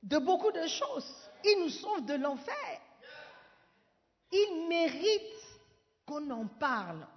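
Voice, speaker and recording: A woman from Ghana preaching a sermon, putting questions to the congregation, moving between French and English and rising at times to shouting. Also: high voice, sing-song, slow, long pauses. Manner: rises to shouting declarations. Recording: dull echoey hall sound.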